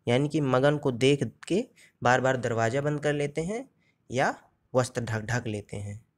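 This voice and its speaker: A man teaching an exam-prep grammar lesson in a mid-range voice that sits at an ordinary height for a man. He explains each point step by step, puts questions to his listeners and answers them himself. When he quotes verse, he slows down and recites it deliberately. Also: mid-range voice. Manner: recites verse examples slowly.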